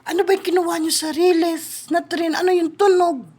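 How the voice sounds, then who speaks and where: A woman talking in a playful, teasing comic skit with quick back-and-forth. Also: very high-pitched, little pitch movement, a little mellow. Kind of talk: comedic skit with several voices.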